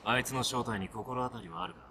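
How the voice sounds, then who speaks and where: A man voicing a stern, gruff young male hacker in a video game, terse and blunt. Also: mid-range voice, fast talker, crowd noise, close to an everyday voice. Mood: serious.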